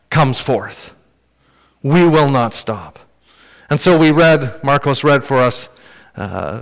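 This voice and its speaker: A male pastor delivers his sermon in a relaxed, conversational manner, now and then joking with his congregation. His voice sits at an ordinary middle pitch and carries a long reverb from the church hall.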